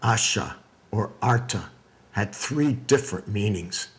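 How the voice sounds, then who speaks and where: A man giving scripted documentary narration in a measured, deliberate way. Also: lowish voice, expressive.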